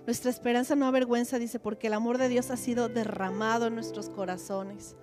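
Mujer predicadora de voz aguda. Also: female voice, a little high, fairly even intonation, brisk, over music. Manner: asks the audience questions, repeats words. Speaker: seminar teacher. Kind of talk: church teaching.

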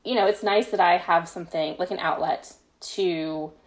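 Over a rough recording, a young woman from the United States chats casually as a podcast guest, telling personal stories. Her voice sits fairly low and moves at a moderate pace. She writes fan fiction and comes across as modest and self-deprecating.

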